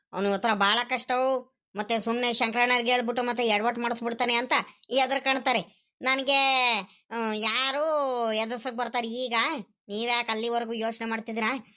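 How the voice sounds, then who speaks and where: An eager, loyal young village sidekick from a comedy sketch, played by a woman. He calls out loudly and mutters complaints under his breath. His voice sits fairly high and bright. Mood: reassuring. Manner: calls out loudly and grumbles to himself. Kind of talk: rural comedy sketch acting.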